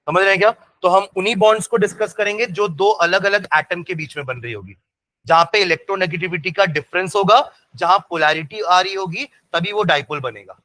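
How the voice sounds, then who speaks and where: High, bright-voiced male chemistry teacher. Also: brisk. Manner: asks students constantly if they follow, drags out dictated phrases. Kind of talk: classroom lecture with slow dictation.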